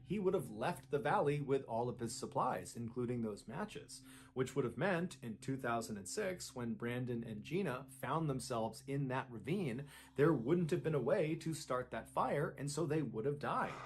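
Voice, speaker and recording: A man hosting an online channel, telling a true story with animated, dramatic emphasis. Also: mid-range voice, a little hiss or hum. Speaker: storyteller host. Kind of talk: true-story narration to camera.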